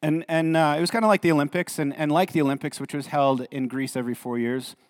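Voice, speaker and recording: A man's voice: a little high, steady tone, fast. A man preaching a sermon as a pastor, earnest, often repeating words as he goes. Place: church hall. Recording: reverberant church hall.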